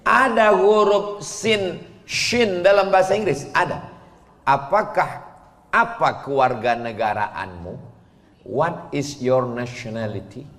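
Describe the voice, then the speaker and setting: A man preaching a sermon to an audience, teasing and questioning them in a lively back-and-forth. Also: mid-range voice, slow pace. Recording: echoey hall, long reverb.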